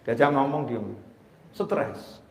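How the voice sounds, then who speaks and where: A man preaching a sermon as a habib, animated, sometimes shouting and chanting Arabic invocations. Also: medium pitch, slow, creaky. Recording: echoey hall.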